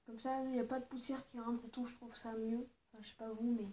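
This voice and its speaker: Hesitant higher-voiced woman vlogging. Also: little pitch movement, quick pace, dark tone, a little hiss or hum. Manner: hesitant, full of "euh" and "voilà" fillers. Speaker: vlogger showing her figurine collection. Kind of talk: casual show-and-tell vlog.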